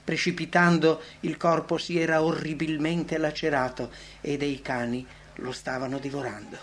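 A male narrator reads a religious text in a dramatic scripted style. His voice sits a little high for a man. He lets phrases rise, then sink almost to a whisper. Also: flat delivery, normal speed, a bit bright. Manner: dramatic, swells then sinks to near-whispers at phrase ends.

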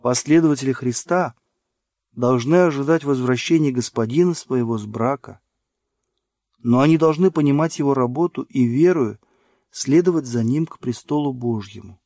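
A man narrating a religious book in a measured, solemn reading. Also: medium pitch, mellow, no room sound, clean studio sound. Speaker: audiobook narrator.

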